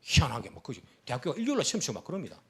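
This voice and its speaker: A man from Korea preaching a sermon as pastor, impassioned, rising to loud exhortation and dropping to hushed prayer. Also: medium pitch, huge pitch swings, very fast, husky. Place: church sanctuary.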